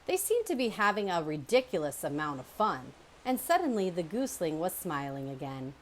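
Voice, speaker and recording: A woman narrating a children's book aloud in an expressive storytelling manner. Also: fairly low pitch, moderate pace, slight background noise. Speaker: storybook reader.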